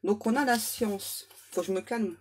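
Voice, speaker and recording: A woman's voice: medium pitch, moderate pace, husky. A woman medium giving a casual oracle card reading, chatty and self-mocking as she banters aloud with her spirit guides.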